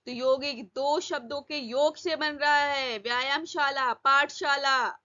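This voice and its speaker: A woman's voice: high voice, fairly even intonation, takes it slowly, sharp tone, lo-fi sound. A woman teacher going through exam questions, asking her students each answer again and drawing out key words. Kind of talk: exam-prep lesson.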